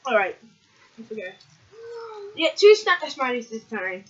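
A woman chatting casually and loudly on a vlog, teasing her co-host and often shouting during a candy challenge. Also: fairly high pitch, very animated, measured pace, lo-fi sound.

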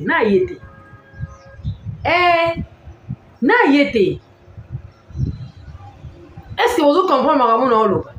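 A woman's voice: mid-range voice, a little hiss or hum. Emphatic woman vlogger, echoey room. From Congo-Kinshasa. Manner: emphatic, repeats phrases, sudden rises in voice. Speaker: online celebrity-gossip commentator. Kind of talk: animated commentary vlog, mixing languages.

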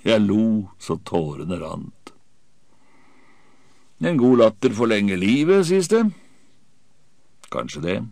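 Deep-voiced male audiobook narrator. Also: very animated, long pauses, a little mellow, no echo, studio quality. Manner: vivid, dramatic reading. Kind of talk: first-person audiobook narration.

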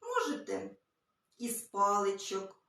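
A woman teaching a literacy lesson to small children, gently and patiently. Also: mid-range voice, very animated, takes it slowly, vocal fry. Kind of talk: early-years literacy lesson. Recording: very echoey room, far from mic.

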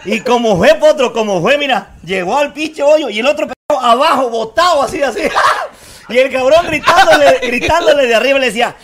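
Squeaky-voiced Mexican man telling a rowdy joke. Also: a little fast, fairly bright tone. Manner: laughing through his own joke, profane and rowdy. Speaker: radio comedian.

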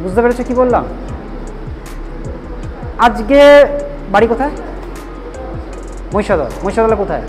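A man's voice: very high voice, expressive, measured pace, pauses often, rough recording. A man, firm and direct, often stopping to ask whether the students follow. Faint music plays in the background. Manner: firm, repeatedly checks understanding. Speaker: spoken English teacher. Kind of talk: classroom lecture, scolding and advising students.

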